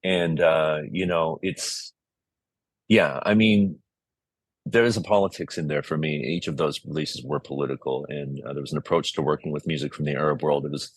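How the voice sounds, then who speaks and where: A very deep-voiced middle-aged American man from the San Francisco Bay Area, a musician and music compiler, answers interview questions reflectively. He's earnest and often searches for his words, and the recording has no echo.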